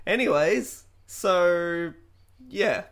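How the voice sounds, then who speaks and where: A man's voice: high-pitched, extremely slow, fairly bright tone. A man co-hosting a casual podcast chat, rambling and laughing often as he trails off mid-thought. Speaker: podcast co-host. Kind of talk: casual chat about games and films.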